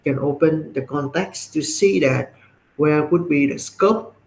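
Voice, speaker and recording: A man's voice: fairly high pitch, unhurried, creaky, darkish tone, reverberant, rough recording. A man with a Vietnamese accent who teaches a class and explains things step by step, often checking in with "right?" and "okay?". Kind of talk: classroom lecture.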